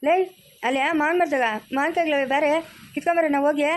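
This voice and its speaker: A woman's voice: sits high, steady tone, fast talker, natural voice. Woman playing a pestering village girl. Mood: wheedling. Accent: Kannada, Chikkaballapur rural dialect. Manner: wheedling, tattling.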